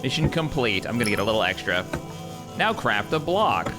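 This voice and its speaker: A man's voice: on the low side, big pitch swings, a little fast, over music. A man streaming a game live, chatting casually, reading on-screen prompts aloud and answering his chat. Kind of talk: casual live gameplay commentary.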